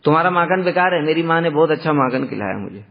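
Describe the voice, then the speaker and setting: A man's voice: a little high, expressive, fast, gravelly. A male storyteller voicing a village milkmaid who insistently complains that a child is stealing butter. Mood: complaining. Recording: dull lo-fi sound with long hall reverb.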